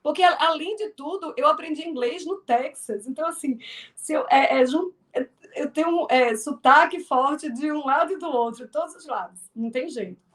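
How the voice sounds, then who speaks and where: This interview guest, a Northeast Brazilian filmmaker and actress, chats casually in a high-pitched voice at a moderate pace. She has a strong Northeastern accent and makes many restarts.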